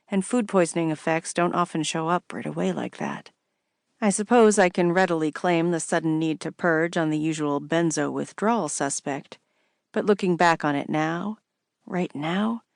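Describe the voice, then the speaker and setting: A woman narrating an audiobook in the first person, measured and wry. Her voice sits low with a gravelly edge. The recording is close and dry. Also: dry recording.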